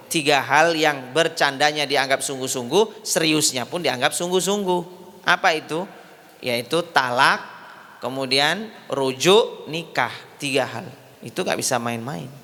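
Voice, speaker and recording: A man's voice: a little high, pushed and bright. A man giving a religious lecture, patiently repeating points and checking that his audience understands. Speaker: Islamic preacher. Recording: hall reverb.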